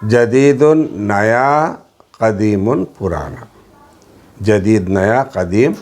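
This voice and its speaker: Hyderabadi man drilling vocabulary. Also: lowish voice. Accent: Hyderabadi Urdu. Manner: repeats each word and its meaning in a steady drill, mixing in English words. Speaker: Arabic teacher. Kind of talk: classroom lesson.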